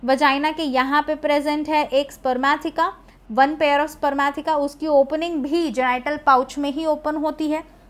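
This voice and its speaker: A woman's voice: high voice, a bit bright. A woman with an Indian accent teaching biology in an exam-prep lecture, explaining step by step, repeating key terms and checking that students follow. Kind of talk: exam-prep lecture, mixing Hindi and English.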